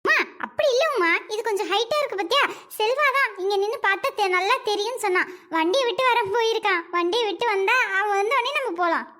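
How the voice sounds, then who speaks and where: A woman's voice: very high voice, expressive, quick pace, pushed and bright, full character voice. Woman playing a jealous nagging wife. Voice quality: sarcastic, nagging. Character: jealous sharp-tongued wife, middle-aged. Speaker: wife in a comedy sketch. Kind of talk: village comedy sketch acting.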